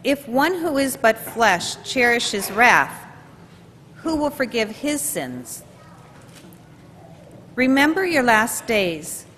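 Slow formal reading by a woman in a church. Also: a little high, sing-song, fairly bright tone, slight background noise. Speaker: lector. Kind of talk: scripture reading at Mass. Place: large church, far from the camera. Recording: distant church recording with long reverb.

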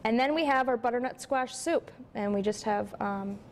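A middle-aged woman chef instructor walking through a recipe in a relaxed, chatty way with plenty of fillers. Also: on the high side, moderate pace, slight background noise. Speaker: cooking school chef instructor. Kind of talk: casual cooking demonstration. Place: studio kitchen.

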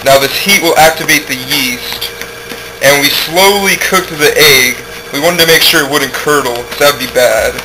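This home cooking host is a young man whose slightly high voice moves at a moderate pace. Working in his kitchen, he jokes casually and talks as he goes. The camera's built-in mic, placed a few feet off, yields noisy audio.

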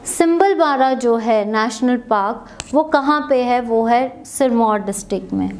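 A woman's voice: on the high side, a little slow, darkish tone, a little hiss or hum. A woman teacher giving an exam-prep lecture, asking questions and answering them herself. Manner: asks and answers her own questions.

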